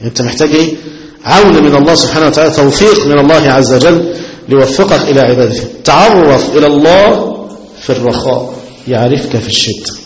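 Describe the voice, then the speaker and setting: A man with an Egyptian accent, a sheikh giving a religious lesson, animated and often asking rhetorical questions before he answers them. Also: on the high side, fast, long reverb tail, poor audio. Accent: Egyptian Arabic. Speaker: sheikh teaching a hadith book.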